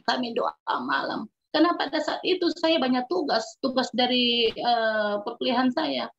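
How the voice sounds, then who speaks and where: A woman's voice: high voice, moderate pace, creaky, fairly bright tone. A middle-aged woman giving an emotional personal testimony as a mother, speaking fervently and earnestly and often repeating herself. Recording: dull lo-fi recording.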